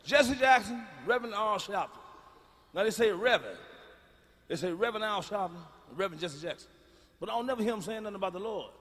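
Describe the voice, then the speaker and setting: A man doing a stand-up comedy set, telling loud, profane stories and now and then breaking into sudden hollers. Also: sits high, expressive, fast, slight background noise. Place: comedy stage before a live audience. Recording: live hall recording with reverb.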